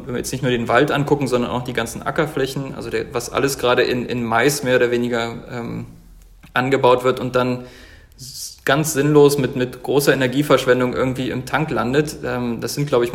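Man, 30s, from Germany, interview guest, earnest, halting, mid pitch. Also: little pitch movement, creaky. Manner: earnest, full of fillers and restarts. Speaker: guest, company founder. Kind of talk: casual interview talk.

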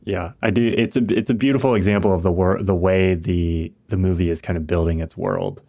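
A man's voice: low-pitched, fairly even intonation, a little fast, mellow. A man co-hosting a film podcast, thinking aloud in a reflective, casual way and restarting his sentences as he goes. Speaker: podcast co-host.

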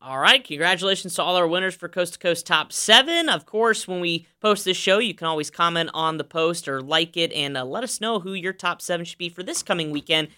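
A man's voice: high voice, lively intonation, brisk, few pauses, sharp tone, smooth. A man co-hosting a racing podcast, recapping the week's races in an upbeat, emphatic way with many fillers. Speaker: podcast co-host.

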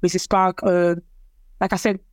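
A young Cameroonian woman, a French speaker by first language and an athlete, tells her story in a casual interview, hesitating, repeating words, and using many fillers. Her voice is fairly low and flat at a moderate pace, with no room sound.

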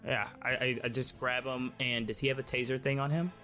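A man's voice: mid-range voice, flat delivery, a little fast, bright, forceful tone, faint music behind. A young man playing in a tabletop role-playing game, teasing and enthusiastic. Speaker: player. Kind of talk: casual tabletop play.

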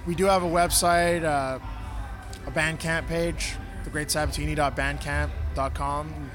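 Man with a cracking, higher-pitched voice. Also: fairly even intonation, a little slow. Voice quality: cracking voice, strained from screaming on stage. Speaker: band musician being interviewed. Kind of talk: casual interview answers. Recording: outdoor urban festival, music behind.

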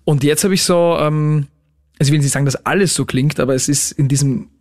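A man's voice: on the high side, steady tone, brisk. A man, a pop musician talking casually in an interview and mixing English words into his speech. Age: late 20s.

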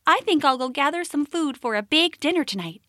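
A small timid rabbit with a high, pleading voice, as a woman puts her on. The storybook creature sounds small and anxious. The sound is dry and close. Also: lively intonation, a little fast, fairly bright tone, no room sound. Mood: cheerful.

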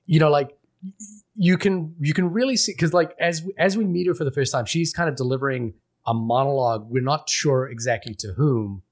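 A man's voice: a little high, fairly quick. Rambling man from Fiji discussing films. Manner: rambling, many restarts and fillers. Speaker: podcast co-host. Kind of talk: casual film discussion.

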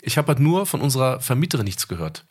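A man's voice: medium pitch, big pitch swings, fast talker, husky. A man in his thirties, co-hosting a podcast in casual chat, telling a story at length in a laid-back, slangy way and acting out phone calls. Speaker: podcast co-host.

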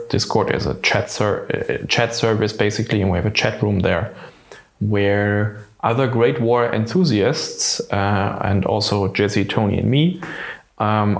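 Low-voiced guy co-hosting a podcast, not a native english speaker, chatty and loose, lots of room echo from a half-built studio. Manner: relaxed, chatty, loose phrasing with self-corrections. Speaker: podcast co-host. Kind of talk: casual podcast intro. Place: unfinished studio under construction. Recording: echoey, roomy studio sound.

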